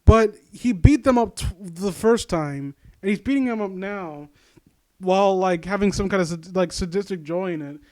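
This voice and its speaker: A man with a high-pitched, slightly mellow voice talks at a moderate pace, recorded with no room sound. He hosts a critique series, reading a story aloud between bits of casual reaction commentary. His delivery is sardonic and informal, full of mock-supportive asides and stumbles over the text.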